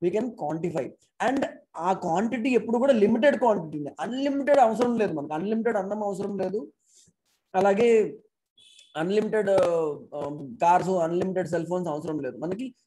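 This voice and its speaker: A man lectures remotely to an online class through an external mic plugged into his laptop, mixing English phrases into his talk and asking rhetorical questions. His voice sits high and has a warm tone, at normal speed. There's slight background noise and the recording is rough.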